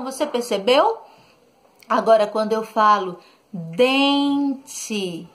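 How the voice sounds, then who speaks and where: A woman's voice: high-pitched, fairly bright tone. A woman teacher giving a recorded lesson to children, patient and coaxing, constantly saying look and okay and using diminutives.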